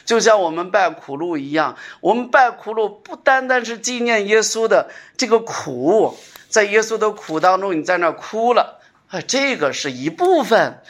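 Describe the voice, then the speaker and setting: An earnest preacher delivers a sermon in a conversational tone. Phrases come back again and again for emphasis. Rhetorical questions and calls for the congregation to answer run through the talk. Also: mid-range voice.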